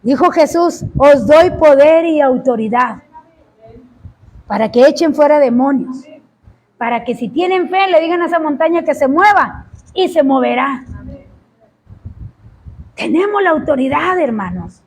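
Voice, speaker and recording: A woman preaching a sermon, impassioned, often rising to shouts and drawing out words for emphasis. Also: high-pitched, animated, measured pace, pauses often.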